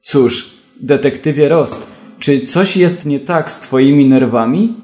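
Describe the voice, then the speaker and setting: A man's voice: mid-range voice, slow pace, a little mellow, echoey room, lightly acted. A man voicing a sardonic male police chief, dry and reproachful, in a storybook reading.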